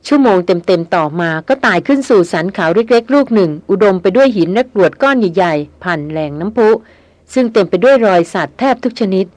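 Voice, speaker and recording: A woman narrating an adventure novel in a steady storytelling read. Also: medium pitch, brisk, dry recording. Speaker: audiobook narrator. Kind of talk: scripted narration.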